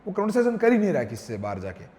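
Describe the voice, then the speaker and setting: A man telling a lively family story on a podcast, acting out his own lines and his child's. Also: high-pitched, racing. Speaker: father talking as podcast guest. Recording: long reverb.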